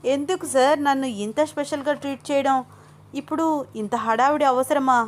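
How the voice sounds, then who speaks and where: A woman voicing a lively young woman who exclaims and protests in a raised, animated voice. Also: high-pitched, moderate pace, voice pushed up, lightly acted. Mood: chatty.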